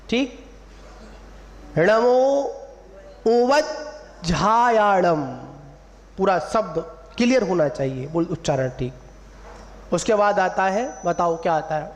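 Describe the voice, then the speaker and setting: A man, a monk, giving a sermon to an assembly, drawing out syllables to teach pronunciation and quizzing his listeners. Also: high voice. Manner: teacherly, drawing out syllables to model pronunciation, asks the audience questions. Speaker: Jain monk preacher. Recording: long hall reverb, faint room ambience.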